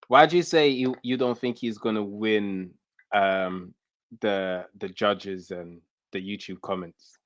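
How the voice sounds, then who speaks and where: A man's voice: fairly low pitch, steady tone, takes it slowly. A man in his thirties hosting a casual interview on a headset, putting his questions in a hesitant, rambling way. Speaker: host. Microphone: headset on a video call.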